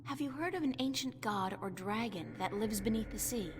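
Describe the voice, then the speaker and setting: A woman's voice: on the high side, animated, moderate pace, lightly acted. A woman playing an earnest young human heroine in a scripted video game, asking questions. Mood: earnest, curious. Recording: clear background noise.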